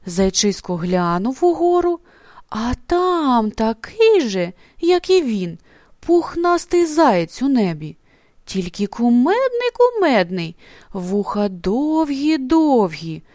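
A woman reading a children's story aloud in an expressive manner, often dropping into soft, hushed passages. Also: a little high, no room sound, clean studio sound.

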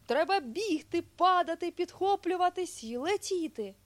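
A woman voicing a small playful bear cub in a storybook, eager and shouting. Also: very high voice, very animated, normal speed, pitched above the performer's own voice. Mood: excited.

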